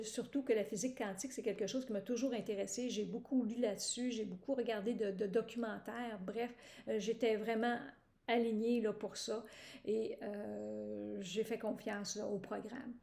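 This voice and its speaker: A woman from Quebec, Canada, with a Québécois French accent, gives a hesitant personal testimonial as a program participant, full of fillers and restarts. Her voice is a little high, gravelly and mellow, with a steady tone and a moderate pace, and the sound is roomy.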